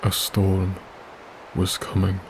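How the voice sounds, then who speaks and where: Slow and soothing, a man's gentle voice carries a sleep story, staying low and close to flat in pitch. Phrases are spaced by long pauses, over a background of wilderness ambience and steady hiss.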